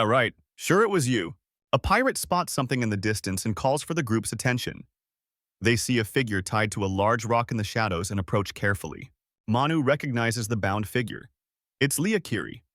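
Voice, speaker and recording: A man reads a story recap in a scripted narration voice. His pitch moves a lot from line to line, and the delivery is expressive. The recording is dry and close, with no room sound. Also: dry recording.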